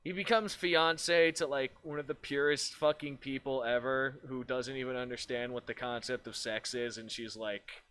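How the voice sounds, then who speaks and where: A man's voice: medium pitch, steady tone, normal speed, few pauses, fairly bright tone, smooth. A man streaming as a virtual streamer in casual chat, laughing often, swearing freely and rambling with restarts.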